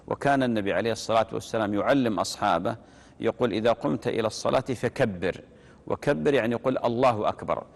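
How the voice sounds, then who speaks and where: A man giving religious instruction on prayer, repeating key phrases and demonstrating them slowly. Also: fairly low pitch, vocal fry. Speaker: religious teacher. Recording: long reverb.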